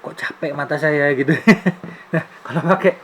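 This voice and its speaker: Talking close to a camera-mounted microphone indoors, a man in his late forties explains his camera gear for his YouTube review vlog, chatty, demonstrative, and full of thinking-aloud fillers. His voice is on the high side, fairly bright, fairly quick, and fairly even in intonation, with poor audio and slight background noise.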